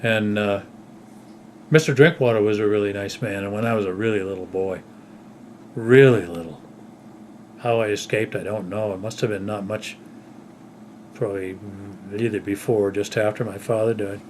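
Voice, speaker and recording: An older man at home casually telling stories from his childhood, unhurried and rambling, often trailing off softly at the end of a phrase. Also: fairly low pitch, fairly even intonation, a little hiss or hum. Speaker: storyteller recalling his childhood.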